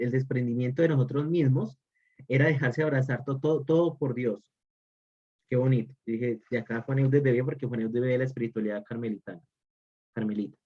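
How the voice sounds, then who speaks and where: A man's voice: medium pitch, mellow. Man teaching over lo-fi video call. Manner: repeats key phrases for emphasis. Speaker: religious formation teacher. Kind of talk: online class lecture. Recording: dull lo-fi call audio.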